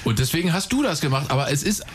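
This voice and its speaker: Lively teasing older man. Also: fairly high pitch, quick pace, soft background music. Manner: teasing, lively, laughs often. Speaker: singer and co-host. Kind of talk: casual radio chat with sung bits.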